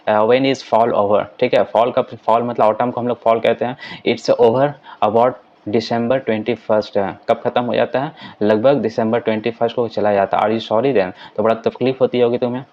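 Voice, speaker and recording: A man teaching English in Hindi. He reads English sentences slowly, explains them quickly, and keeps saying "ठीक है" as he goes. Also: medium pitch, fairly even intonation, a little mellow, lo-fi sound. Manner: repeats "ठीक है" as a filler.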